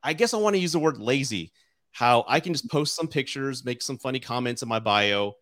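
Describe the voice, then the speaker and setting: A podcast host in his forties conducts a casual live-stream interview in a mid-range, somewhat bright voice. He talks fairly quickly with lively intonation, chatty and easygoing, laughing often and repeating himself.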